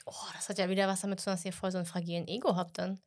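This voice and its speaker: A woman in her thirties, a guest in a casual podcast conversation, talking in a lively way and acting out quoted lines. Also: medium pitch. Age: 30s. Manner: fast, animated, acts out quoted lines.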